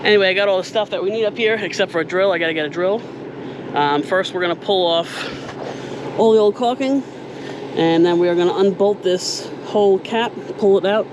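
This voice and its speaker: A man hosting a casual, hands-on DIY vlog about RV life, talking to viewers outdoors with noise around him. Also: high-pitched. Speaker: RV vlog host. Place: outdoors at an RV, partly on its roof. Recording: noisy outdoor recording with hum and traffic.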